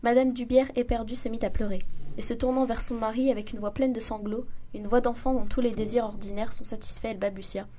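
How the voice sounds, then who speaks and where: A woman's voice: on the high side, fast, a little hiss or hum. Woman reading a classic story aloud. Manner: steady narration with small restarts. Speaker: reader.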